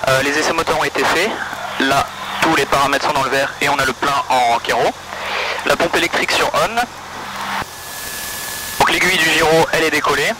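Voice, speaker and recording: A man's voice: on the high side, fairly even intonation, a little fast, pauses often. A man training as a pilot, giving methodical, terse procedural callouts and radio calls over a pilot headset. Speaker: student pilot. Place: small light aircraft cockpit. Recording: pilot headset, loud aircraft engine noise.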